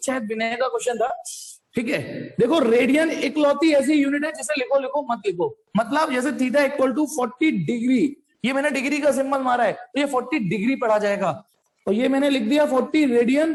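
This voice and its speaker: High-voiced man teaching a physics class. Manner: addresses students directly, stops to ask them questions; repeats points over and over. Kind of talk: online class lecture.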